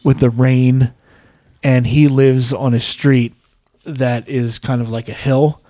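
A man's voice: medium pitch, level tone, slow, mellow, no room sound, clean studio sound. A man co-hosting a podcast, telling long self-mocking anecdotes in a casual, chatty way. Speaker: podcast co-host. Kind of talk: casual chat, storytelling. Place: podcast studio. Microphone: podcast mic.

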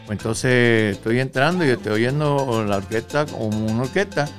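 An older man, a guest on a radio show, telling anecdotes in a relaxed way, with many pauses and fillers. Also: medium pitch, soft background music. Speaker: guest singer.

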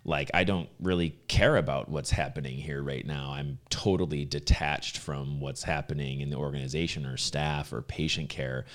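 A man's voice: very deep voice, steady tone, normal speed, hardly any pauses. A man hosting a podcast in natural unscripted talk, explaining ideas in a conversational, rambling way with acted-out example remarks. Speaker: podcast host.

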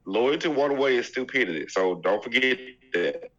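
A man with a congested voice co-hosting a casual sports debate podcast, measured and pausing to find his words. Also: medium pitch, animated, fairly bright tone, highs cut off. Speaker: podcast co-host.

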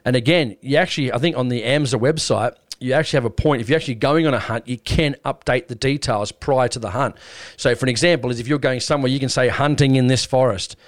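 A man's voice: medium pitch, fast, no echo, clean studio sound. A man with an Australian accent hosting a podcast in a casual, blokey, plain-spoken way. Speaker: podcast host. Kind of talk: casual hunting podcast talk.

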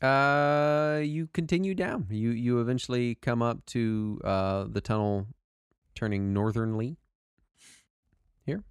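A man's voice: medium pitch, slow, smooth, no echo, studio quality. A man narrating a tabletop game as game master, often laughing and joking with a player. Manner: laughing, playful, lively.

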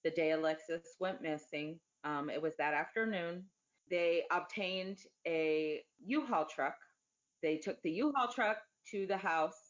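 A woman being interviewed, giving an unscripted account in a plain, deliberate, factual way. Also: lowish voice, lo-fi sound.

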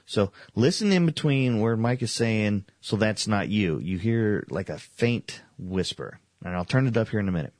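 A man's voice: on the low side, animated, normal speed, hardly any pauses, darkish tone, no echo. A man hosting a paranormal radio show, talking casually. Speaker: host of a paranormal radio podcast.

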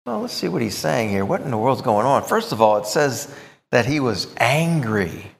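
A man preaching a sermon, emphatic and expressive, explaining scripture with thoughtful asides. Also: mid-range voice, normal speed, vocal fry, long reverb tail, a little hiss or hum.

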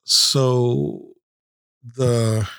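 A man's voice: mid-range voice, level tone, extremely slow, a bit bright, clean tone, no room sound, clean studio sound. A man hosting a podcast who tells blunt, heavily profane personal stories and laughs at himself. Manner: self-deprecating, with frequent restarts. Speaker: podcast host. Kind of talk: candid personal storytelling.

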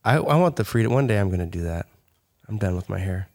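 A man's voice: fairly low pitch, expressive, fast, a little mellow. A man hosting a podcast, bantering casually and joking about himself. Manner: joking, self-deprecating. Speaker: podcast host.

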